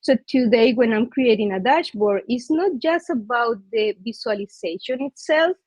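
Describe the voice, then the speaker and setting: This woman from Colombia, with a Colombian Spanish accent, presents to an online user group in a friendly way, filling her speech with many fillers. She's on the high side with a moderate pace, a little mellow with a breathy edge. The video call recording is dull and dry.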